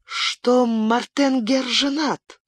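A woman's voice: fairly high pitch, fairly even intonation, extremely slow, no echo, voice pushed up. A frantic young woman pleads in a raised, quivering voice, close and dry with no room sound around her. A man reads her out in a storybook reading. Her words come out tearful and broken. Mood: distraught. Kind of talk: audiobook character voice.

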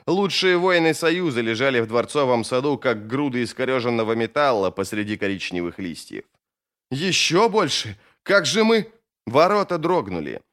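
A man's voice: medium pitch, fairly bright tone. Dramatic male audiobook narrator. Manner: dramatic reading, voice rising in tense moments. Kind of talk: scripted fantasy audiobook narration.

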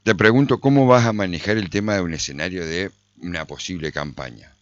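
A man's voice: low voice, fairly quick, no echo. A man with an Argentine accent hosting a radio interview, asking long, rambling questions and murmuring frequent acknowledgments. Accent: Argentine Spanish. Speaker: radio host. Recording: dull lo-fi radio audio, dry.

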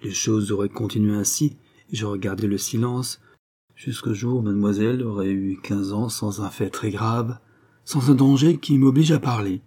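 A man's voice: fairly low pitch, moderate pace, mellow, husky. A man reading aloud, voicing a sincere, solemn young man declaring his love in a storybook.

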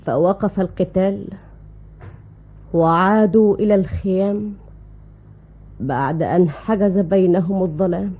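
A woman narrator with a husky, slightly high voice tells a tale in rhymed prose at a very unhurried pace. The recording is thin and phone-like.

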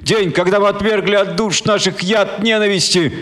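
A man voicing a fiery orator who declaims slowly and rousingly to a crowd. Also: high voice, steady tone, fairly bright tone, voice pushed up. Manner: declaiming, rousing, slow rhetorical cadence.

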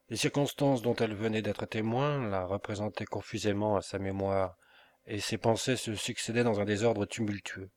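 A man narrating a novel as an audiobook reader, measured and unhurried with pauses. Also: lowish voice.

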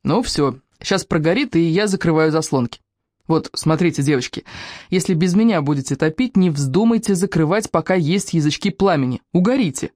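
A woman voicing an energetic, bossy retired naval father in a storybook reading. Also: lowish voice, normal speed, no echo, studio quality. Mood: commanding.

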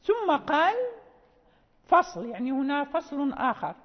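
A woman teaching Quran recitation rules, explaining slowly and repeating phrases with checking questions. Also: sits high, very animated. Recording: dull lo-fi sound in a reverberant hall.

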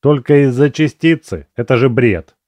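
A man's voice: mid-range voice, expressive, normal speed, darkish tone, no echo, pitched above the performer's own voice, natural voice. A man reading an audiobook, voicing the sarcastic male hero, a prisoner who answers back with biting remarks.

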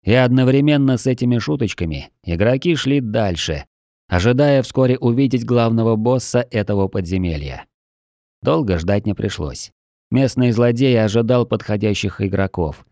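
A man reading a fantasy audiobook aloud in a measured storytelling manner, close to the mic. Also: fairly low pitch, warm tone, no echo. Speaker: audiobook narrator. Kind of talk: scripted narration.

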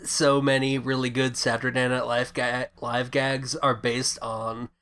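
A man's voice: medium pitch, little pitch movement, unhurried, a bit bright, clean tone. A man co-hosting a podcast, chatting casually about a film in a rambling way, with frequent restarts. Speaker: podcast co-host.

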